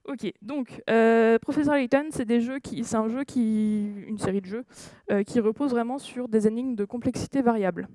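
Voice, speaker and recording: A woman with a slightly high, mellow voice delivers a conference talk at a moderate pace in a conference room, with no echo on the audio. She's hesitant, using many fillers and self-corrections. She checks in with listeners by putting questions to them.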